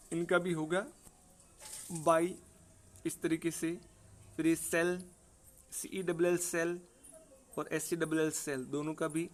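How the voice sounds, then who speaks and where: A man teaching pronunciation for an exam, spelling out words letter by letter and often asking "ठीक है ना" to check understanding. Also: on the high side. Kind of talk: exam prep lesson.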